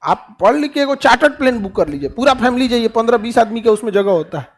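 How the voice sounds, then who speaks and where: A man's voice: very high-pitched, lively intonation, fast talker. A man giving a motivational talk to a class as their teacher, folksy and joking, asking questions and answering them himself. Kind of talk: lively classroom motivational speech.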